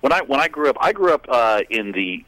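A man's voice: medium pitch, big pitch swings, brisk, fairly bright tone, no echo, poor audio. A man in his sixties from Boston, chatting as a guest on a radio show and telling stories with dry jokes. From Boston, USA. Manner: chatty, joking storyteller. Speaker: guest musician. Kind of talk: casual radio interview by phone.

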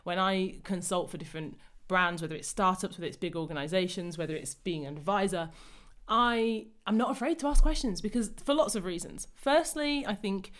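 A woman's voice: medium pitch, brisk, few pauses, fairly bright tone. A woman hosting a podcast, talking enthusiastically and reflectively in a casual conversation. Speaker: podcast host.

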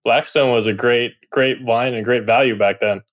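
Co-host dude, mid voice, cracks jokes, quick reactions. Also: male voice, medium pitch, steady tone. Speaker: podcast co-host. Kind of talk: interview chat.

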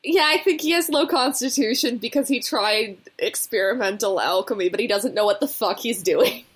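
A woman playing a tabletop game, talking in an animated, laughing way. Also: on the high side, moderate pace, slight background noise. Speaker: player. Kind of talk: casual tabletop game chat.

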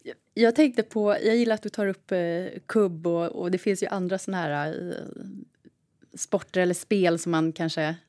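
A woman's voice: lowish voice, fairly even intonation, darkish tone, no echo, clean studio sound. A woman hosting a conversation, asking her guest questions in an inquisitive way. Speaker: host. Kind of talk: conversational interview.

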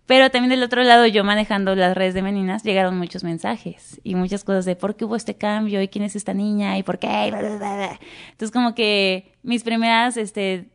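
A woman's voice: mid-range voice, a little fast, smooth. A young woman with a Mexican Spanish accent, an actress chatting in an interview and acting out the dialogue in her stories. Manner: animated, acts out quoted dialogue. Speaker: guest actress. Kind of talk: casual interview storytelling.

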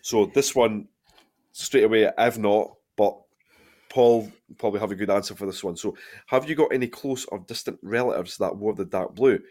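A man's voice: on the low side, darkish tone. A Scottish man in his thirties hosting a casual football podcast, bantering and reading out listener questions. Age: 30s. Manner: bantering, quick laugh, reads listener questions. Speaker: podcast host.

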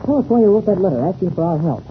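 An actor playing an earnest, excitable young airplane pilot in an old-time radio serial. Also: male voice, high voice, racing. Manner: earnest, eager. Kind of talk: 1930s radio serial acting. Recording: muffled old radio recording, faint noise.

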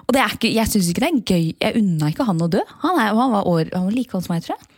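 Brief: woman co-host, rambling and giggly, mid pitch, dry close mic. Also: animated, husky, no echo. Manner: rambling, restarts, nervous giggles. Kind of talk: casual chat.

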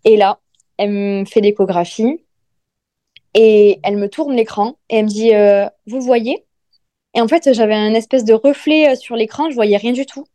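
A woman in her thirties tells her own story in relaxed podcast chat, full of fillers and animated retelling. Her voice sits a little high yet sounds mellow and warm. The sound is dry and close. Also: normal speed, no echo. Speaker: guest telling her birth story.

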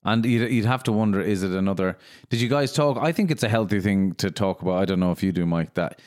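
A man's voice: lowish voice, animated, darkish tone, no echo, clean studio sound. An Irish man in his thirties co-hosting a podcast, asking questions and agreeing in casual chat. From Ireland. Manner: interjects with questions and quick agreement. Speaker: podcast co-host.

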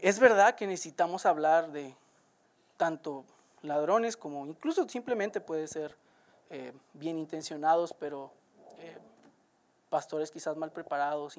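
A woman's voice: deep voice, darkish tone. A woman preaching a sermon, speaking earnestly and directly to listeners and repeating words as she builds each point.

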